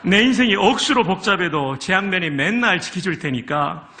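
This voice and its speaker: A man plays a rough-talking country psalm reciter with a thick Gyeongsang dialect. The voice is high and bright. He is jokey and laughing. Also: expressive, moderate pace, exaggerated voice. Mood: playful.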